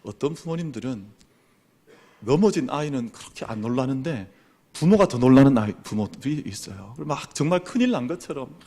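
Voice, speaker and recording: Male pastor, lively pitch, animated sermon delivery in a church. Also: a little fast. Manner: animated, acts out parents' and children's words. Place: church sanctuary.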